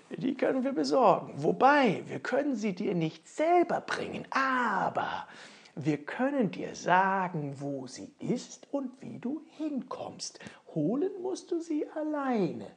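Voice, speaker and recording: A woman voicing a group of eager little dwarves in a high, loud voice. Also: very animated, slow pace, vocal fry, full character voice. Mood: cheerful.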